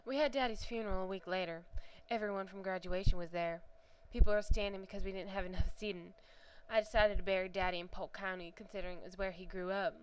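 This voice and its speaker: A woman's voice: medium pitch, fairly even intonation, quick pace, hardly any pauses, clean tone, natural voice, low-quality recording. A woman voicing a grieving young woman from the American South, reading a first-person story in a Southern accent with a reflective, earnest manner. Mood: wistful.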